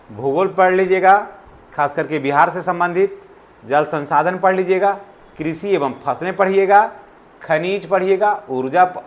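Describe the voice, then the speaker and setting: Guy with rattling off syllabus topics, voice on the high side. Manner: lists topics in rapid repetitive instructions. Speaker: channel host. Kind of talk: exam syllabus explainer.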